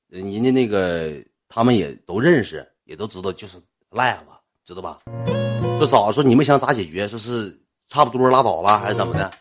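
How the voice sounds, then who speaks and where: A man with a Northeastern Chinese accent telling a comic story in a rambling, colloquial, animated way. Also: lowish voice.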